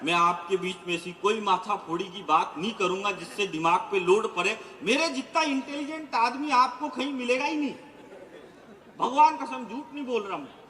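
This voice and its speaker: A high, bright male voice, playfully boasting and teasing the crowd in live stand-up. It rings out through an outdoor PA with a long, echoing reverb tail. Faint outdoor ambience sits underneath. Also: normal speed. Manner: boastful, teasing the audience, jokey storytelling. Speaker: stand-up comedian. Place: outdoor stage by a lake at night.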